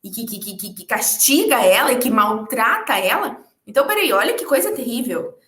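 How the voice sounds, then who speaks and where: Woman, lively swinging pitch, fairly high voice, roomy echo, expressive guest chat. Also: brisk. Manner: expressive, stammers and repeats words, quotes herself. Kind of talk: animated casual conversation.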